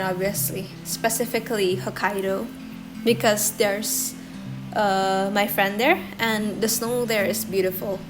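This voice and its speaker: A young adult woman from Indonesia, an artist vlogger whose first language is Indonesian, chats casually through a Q&A voice-over in a giggly, self-deprecating way. Her voice is medium-pitched, and the rough recording has soft guitar music playing behind her.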